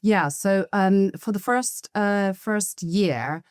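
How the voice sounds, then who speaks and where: A woman in her forties from Norway, a guest telling her story in a lively conversational interview. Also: medium pitch, takes it slowly, clear, resonant tone, dry recording, studio quality. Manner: lively storytelling with restarts and quoted asides. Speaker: guest, agency founder.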